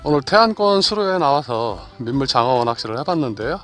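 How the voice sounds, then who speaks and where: A middle-aged man hosting a fishing channel, talking to himself with excited exclamations as he fishes outdoors at night by a muddy waterway. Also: mid-range voice, brisk, soft background music. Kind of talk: fishing vlog commentary.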